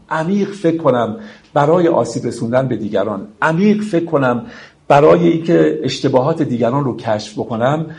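A man's voice: medium pitch, a little mellow. A man giving a reflective lecture on classical poetry, reciting verses and explaining them patiently to his listeners. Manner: explains slowly, recites verse, addresses friends.

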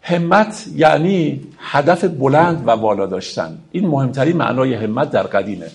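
A man lecturing on classical poetry in a gravelly voice. He explains each verse step by step and speaks to his listeners as friends. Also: mid-range voice, a little mellow.

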